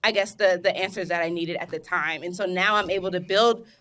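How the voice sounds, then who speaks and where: A young woman chemist, talking in a casual interview, animated and emphatic with frequent laughs and restarts. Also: on the low side, fairly quick. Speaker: guest, cosmetic chemist.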